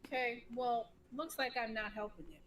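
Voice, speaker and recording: A woman's voice: a little high, fairly even intonation, moderate pace, poor audio. A woman playing a tabletop game, trading sassy, blunt banter in character. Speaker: player. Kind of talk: casual tabletop play.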